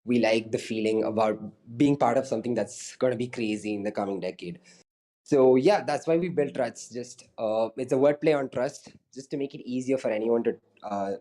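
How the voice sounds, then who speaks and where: A man's voice: mid-range voice, moderate pace, warm tone, rough recording. A man who founded a startup, answering interview questions over a video call in a rambling way full of fillers and restarts.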